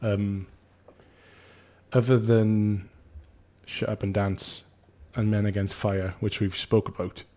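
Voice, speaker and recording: Relaxed low-voiced man, rambling. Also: slow pace. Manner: rambling, swears casually. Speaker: podcast host. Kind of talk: casual chat.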